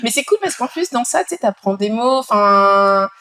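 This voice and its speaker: A woman with a Parisian French accent co-hosting a podcast in casual chat, telling things in an animated, informal way. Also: fairly high pitch, normal speed, crowd noise. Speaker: podcast co-host.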